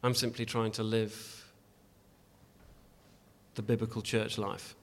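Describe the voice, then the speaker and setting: A man's voice: lowish voice, flat delivery, slow, vocal fry. A man preaching a sermon in a church, earnest and emphatic, often restarting his phrases as he exhorts the congregation.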